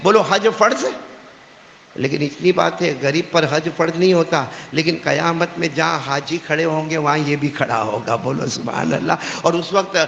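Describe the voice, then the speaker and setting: A man's voice: a little high, creaky, dull audio, a little hiss or hum. A male preacher telling a story in a sermon, calling on the gathering to answer him. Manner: lively, calls on the audience to answer. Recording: echoey hall with long reverb.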